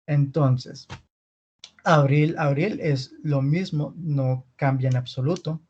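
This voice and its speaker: A man teaching an online language lesson, patiently repeating words slowly for his students. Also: medium pitch, mellow, breathy edge, dull audio. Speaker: Spanish teacher.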